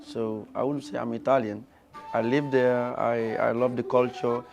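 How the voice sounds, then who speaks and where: A man from Gambia, a guest in an interview, speaking as an in an earnest, halting way with many restarts. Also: medium pitch, level tone, creaky, music in the background. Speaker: guest, fashion brand founder. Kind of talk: interview conversation.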